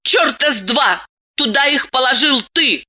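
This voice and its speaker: A woman doing a shrill, venomous jealous wife. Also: expressive, a little slow, heavily acted. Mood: furious. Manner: sharp, shrill, accusing.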